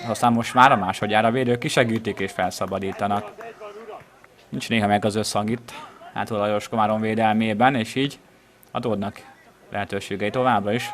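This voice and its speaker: A man with a fairly low voice calls a football match live from the ground outdoors. His play-by-play stays measured and descriptive, lifting into excitement whenever a chance develops. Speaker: football commentator. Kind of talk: live match commentary of amateur regional football.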